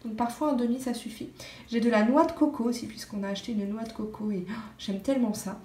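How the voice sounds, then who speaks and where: A woman's voice: fairly high pitch, fairly even intonation, quick pace, dark tone, slight background noise. Chatty woman vlogger in a roomy kitchen. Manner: chatty, addresses viewer directly, frequent hesitations. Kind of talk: casual food vlog chat. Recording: roomy echo.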